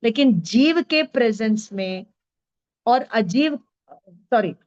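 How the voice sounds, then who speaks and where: A woman leads a scripture class in a slightly high voice, speaking very slowly as she dictates terms for her students to write down. She mixes English words into her explanation. The recording sounds dull and lo-fi. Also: animated, a little mellow. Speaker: teacher.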